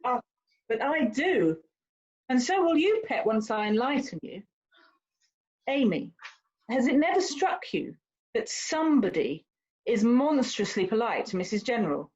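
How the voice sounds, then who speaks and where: Insistent, a woman portrays a haughty young lady in a period stage drama, lecturing like a worldly older sister with condescension and theatrical stress. Her fairly high voice swoops, sing-song and a little mellow, a little slow with long pauses. The recording is dull and slightly lo-fi.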